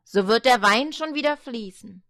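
A short-tempered storybook devil played by a woman reading aloud, loud and snappish. His voice sits high and climbs even higher when he gets angry. It is close and dry, with no room sound. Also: normal speed, no echo. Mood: gruff.

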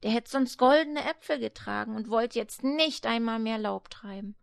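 A woman voicing a kindly old grandmother in a read-aloud fairy tale, speaking slowly and softly, sometimes in a whisper. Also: on the high side, creaky, clean tone. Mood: soothing. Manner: hushed, slow and soothing, at times whispered. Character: soft-spoken old grandmother, kindly and soothing.

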